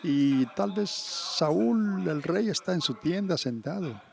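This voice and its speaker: Brief: male church preacher, gravelly timbre, animated storytelling sermon. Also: sits high, slow pace. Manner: animated, acts out quotes.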